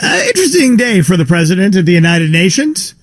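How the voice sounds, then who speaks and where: A man's voice: high-pitched, sing-song, fast, noisy background. A man co-hosting a talk radio show, bantering sarcastically and mimicking voices. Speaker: radio co-host.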